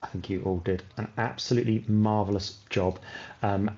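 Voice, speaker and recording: A man's voice: fairly low pitch, fairly even intonation, warm tone, muffled recording. Chatty man hosting an online session. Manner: chatty and effusive, with quick asides. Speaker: session host and escape room designer.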